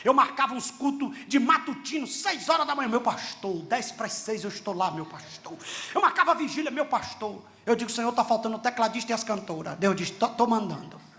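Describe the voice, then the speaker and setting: A middle-aged man with a Brazilian Portuguese accent preaching a sermon as a pastor, telling stories with dialogue and rising to shouts. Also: extremely high pitch, fairly quick. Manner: animated, shouting at peaks, storytelling with dialogue.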